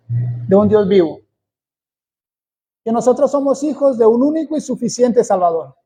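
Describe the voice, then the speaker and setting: Slow, high-pitched preaching man. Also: mellow. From Colombia. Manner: slow, deliberate preaching with emphatic repetition. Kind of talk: sermon.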